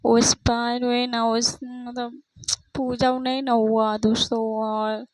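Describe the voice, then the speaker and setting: A woman's voice: on the high side, completely flat delivery, slow pace, darkish tone, dry recording. A young woman making a casual vlog at home at night, speaking fearfully and repeating herself to her viewers. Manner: fearful, repetitive, addressing viewers as friends. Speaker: vlogger.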